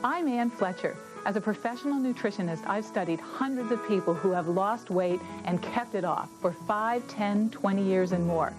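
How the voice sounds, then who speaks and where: A woman delivering a scripted infomercial pitch as a nutritionist and author. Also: normal speed, few pauses, low-quality recording. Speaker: nutritionist and author promoting own book. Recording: music bed behind voice.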